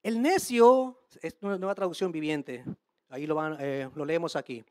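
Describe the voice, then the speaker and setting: A woman's voice: deep voice, a little fast, a little mellow, no echo, clean studio sound. A woman preaching a sermon, emphatic, asking the listeners rhetorical questions and calling them brothers and sisters. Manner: addresses the audience as brothers and sisters; streams to listeners online.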